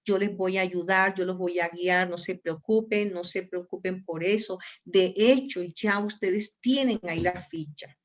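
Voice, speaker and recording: A woman's voice: lowish voice, a little slow, few pauses. A woman with a Colombian accent, a law professor giving an online lecture, addressing her students directly and often repeating herself. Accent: Colombian Spanish. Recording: dull lo-fi audio.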